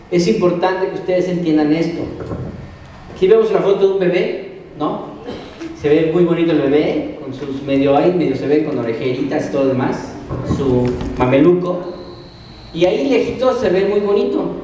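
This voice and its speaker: A man's voice: on the high side, warm tone, a little hiss or hum. A man with a Mexican accent preaching a sermon to a church congregation, asking them questions and then answering them himself. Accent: Mexican Spanish. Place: church hall. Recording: very echoey hall, mic at a distance.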